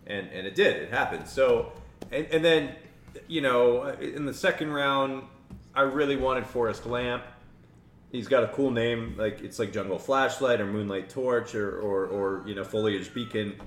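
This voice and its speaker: A man's voice: medium pitch, unhurried. A man hosting a podcast, talking through football picks in a rambling, chuckling way. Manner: rambling, chuckling, self-interrupting. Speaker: podcast host. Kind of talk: casual sports chat. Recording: echoey room with faint noise.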